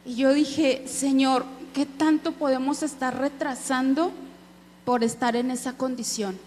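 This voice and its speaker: A woman's voice: high voice, steady tone, a little slow, darkish tone. A woman preacher giving an earnest sermon testimony, speaking directly to her listeners as brothers. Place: church hall. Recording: echoey hall with faint hum.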